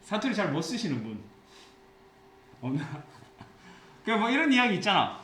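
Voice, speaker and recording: Lively, high-voiced male teacher in echoey classroom. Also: measured pace. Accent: Gyeongsang. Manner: lively, jokey storytelling, mixes English phrases into Korean. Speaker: English teacher. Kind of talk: classroom lecture with anecdotes. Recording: echoey classroom with faint hiss.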